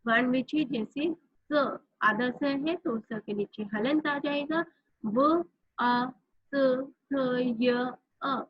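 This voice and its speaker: A high-voiced woman teaching grammar at an unhurried pace, checking in with her class after nearly every point. Her voice is a little husky, and the recording is dry and somewhat dull. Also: dry recording. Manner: explains step by step, often says "theek hai"; spells out words letter by letter. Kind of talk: Hindi grammar lesson.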